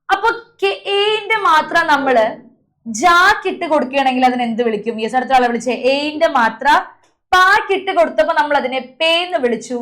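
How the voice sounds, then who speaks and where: Young woman teacher, high bright voice, online class, coaxing students by name, video call sound.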